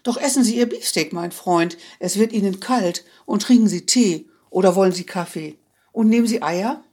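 A reader plays an old ship captain pressing food on his only passenger. The voice is a touch husky. He is blunt and sociable. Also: mid-range voice, normal speed, a little mellow, natural voice. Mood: hospitable. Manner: urging, offering food. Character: gruff old male ship captain, hospitable.

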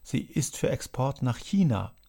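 A man voicing an agitated male writer who loudly reads out a letter in a dramatized audiobook. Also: medium pitch, very animated, a little slow, gravelly, exaggerated voice. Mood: declaiming. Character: agitated male literary man announcing news.

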